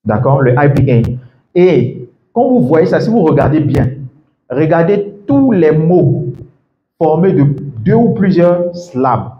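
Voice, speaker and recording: A man teaching English to a class of students, lively and full of questions to the room, laughing often. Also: on the high side, slow, highs cut off. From Ivory Coast. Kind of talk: classroom masterclass. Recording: echoey room with faint background noise.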